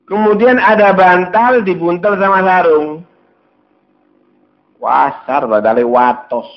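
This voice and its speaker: A man preaches slowly, his voice sitting a little high. He tells the story at an unhurried pace and slips into the speech of the people in it. The recording sounds dull and lo-fi. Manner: storytelling sermon, mixing Javanese words into Indonesian, acting out dialogue. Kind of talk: sermon.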